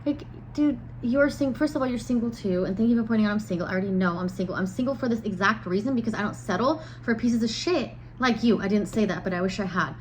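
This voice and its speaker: A woman's voice: medium pitch, quick pace, slight background noise, low-quality recording. A young woman telling a dating story to camera in a chatty, exasperated way, full of filler words. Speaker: vlogger. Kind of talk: casual storytelling.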